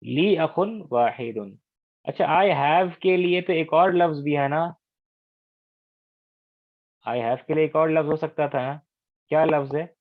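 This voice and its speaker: A man from India teaches Arabic grammar over an online call, patiently explaining and often checking that students follow. He drills words slowly and repeats them. His voice comes through a dry, tinny, phone-like line. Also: fairly high pitch, fairly even intonation, no room sound.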